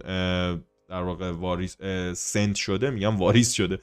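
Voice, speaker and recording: A man from hosts a casual screen-recorded tutorial, talking straight to his viewers as "guys" and filling pauses with "uh". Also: mid-range voice. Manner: casual, addresses viewers as "guys", many "uh" fillers. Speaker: online money-making tutorial host.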